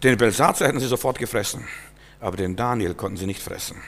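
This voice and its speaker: A man's voice: fairly low pitch, fast talker, creaky. German preacher man with hall echo. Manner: emphatic, rises to loud exhortation then drops to quiet questions. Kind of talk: sermon. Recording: long hall reverb.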